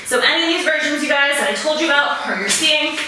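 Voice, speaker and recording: A woman's voice: high-pitched, lively intonation, quick pace. A middle-aged woman leading a workout class, encouraging, with short rhythmic coaching commands like a swim coach. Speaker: fitness instructor leading a home interval workout. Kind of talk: exercise class coaching, cueing moves. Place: small home gym room, indoors. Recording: very roomy echo, distant mic, faint noise.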